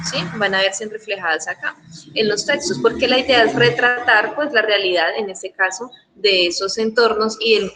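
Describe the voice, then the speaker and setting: A woman's voice: on the high side, background noise. A Colombian woman teaching an online class, chatty, often checking in with her students and acting out regional sayings.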